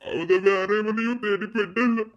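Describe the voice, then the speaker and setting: Brief: man voicing a slow, high-voiced, wailing jilted lover with a Madurai Tamil accent, on a dull lo-fi track. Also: steady tone, fairly bright tone. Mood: self-pitying. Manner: wailing self-pity, drawn-out laments. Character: heartbroken young man drinking away his sorrow. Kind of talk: cartoon voice acting.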